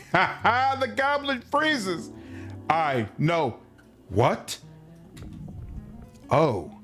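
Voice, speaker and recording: Slow, lively-voiced male streamer. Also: medium pitch. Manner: wry, reacting and reading on-screen text aloud. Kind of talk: casual game livestream, reading dialogue aloud.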